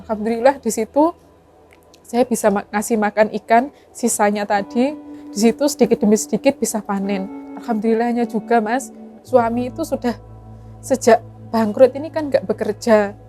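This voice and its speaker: A woman's voice: fairly high pitch, steady tone, moderate pace, warm tone, soft background music. A young woman from East Java with a Javanese accent, earnestly telling her own story as an interviewee, devout and mixing in local words. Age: young adult. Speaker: interviewee, teacher and fish farmer. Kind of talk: heartfelt personal storytelling.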